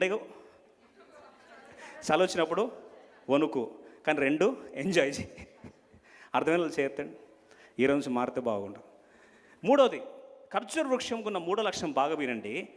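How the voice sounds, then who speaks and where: A man preaching a sermon and questioning the congregation, switching between loud emphasis and soft asides. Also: fairly high pitch. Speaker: pastor. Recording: long hall reverb.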